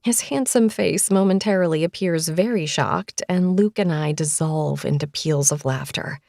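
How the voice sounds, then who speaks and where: A woman narrating a first-person romance audiobook in a playful, expressive way. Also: sits low, moderate pace, gravelly, dry recording, clean studio sound.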